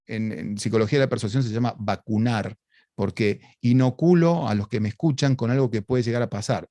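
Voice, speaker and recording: A man's voice: medium pitch, darkish tone, no echo, clean studio sound. A man with an Argentine Spanish accent giving a conversational academic talk over a video call, explaining points and asking rhetorical questions. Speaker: lecturer.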